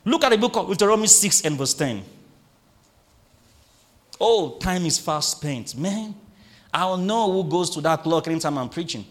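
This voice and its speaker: A male pastor preaching a sermon, drawing the congregation into call-and-response and reading scripture slowly with emphasis. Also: high voice, expressive.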